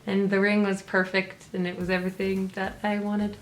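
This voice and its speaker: A woman's voice: mid-range voice, flat delivery, moderate pace. A young woman hosting a vlog, telling a story in a chatty, casual way with frequent "like" fillers. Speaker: vlogger and host.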